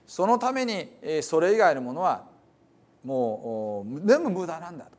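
Male pastor, conversational sermon, lively pitch, filler-heavy explaining. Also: moderate pace.

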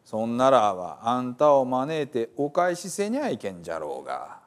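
A man reading as Jesus, calm, in Hiroshima dialect. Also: medium pitch, normal speed, natural voice. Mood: advising. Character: Jesus, a calm male teacher speaking in parables.

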